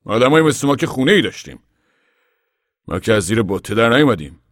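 A man voicing a determined older farmer father who speaks loudly and insistently in an audiobook reading. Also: medium pitch, very animated, dry recording, clean studio sound, voice pushed up, natural voice. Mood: earnest. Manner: loud, insistent, raised voice.

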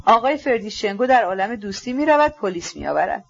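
A woman's voice: mid-range voice, very animated, vocal fry, slightly rough, muffled recording, exaggerated voice. A woman reading aloud, voicing a fussy, agitated middle-aged male landlord who insists obsequiously. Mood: insistent.

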